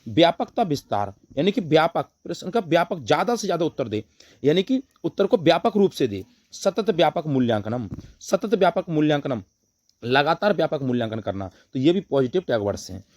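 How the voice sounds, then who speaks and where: A man's voice: on the high side, big pitch swings, quick pace, no room sound, studio quality. A man teaching an online exam-prep lesson, repeating key terms, asking rhetorical questions and answering them himself. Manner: repetitive, rhetorical questions, calls listeners brother.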